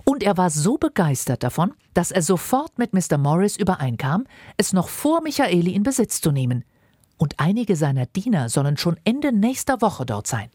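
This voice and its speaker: A woman reading aloud and voicing a fussy, excitable middle-aged mother who is desperate to marry off her daughters, speaking in a shrill, insistent, gushing way. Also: moderate pace, husky, no room sound, clean studio sound. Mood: eager, insistent. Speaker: reader. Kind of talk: dramatized audiobook reading.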